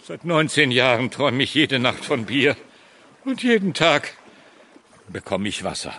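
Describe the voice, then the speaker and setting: An actor playing a castaway hermit poet and former thespian, declaiming grandly like a hammy stage actor in a comic audio drama. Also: male voice, medium pitch, very animated, a little slow, sharp tone. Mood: mournful, yearning.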